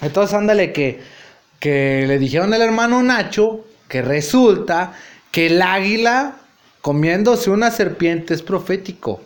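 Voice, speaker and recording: A man's voice: sits high, expressive, measured pace. A man, hosting a podcast and telling rambling stories full of crude slang. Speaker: podcast host. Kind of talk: casual storytelling monologue.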